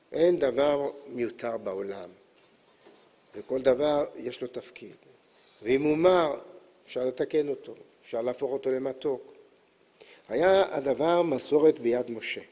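A man's voice: mid-range voice, long pauses, dark tone. A male religious teacher explaining scripture and midrash, quoting verses and unpacking them. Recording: echoey hall, dull lo-fi sound.

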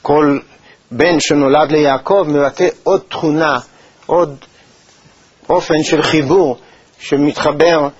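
A man teaching a Torah lesson in a measured, thoughtful way, with pauses and hesitations. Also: fairly high pitch, steady tone, husky, dry recording. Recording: dull, lo-fi recording.

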